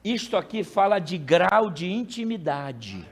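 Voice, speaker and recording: A pastor preaching a sermon, with sudden loud bursts between quiet, explaining passages. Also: male voice, sits high, very animated, a little slow. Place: church. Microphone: handheld mic.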